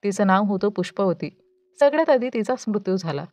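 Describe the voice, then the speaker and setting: A woman's voice: medium pitch, animated, fairly quick, a little mellow, dry recording, close to an everyday voice. A woman voicing a kindly, gossipy female housemaid who speaks in a confiding way.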